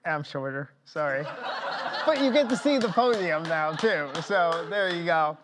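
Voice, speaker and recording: A man's voice: a little high, lively intonation, a little slow, noisy background. A man hosting a live dating game show, bantering with contestants in a playful, teasing way.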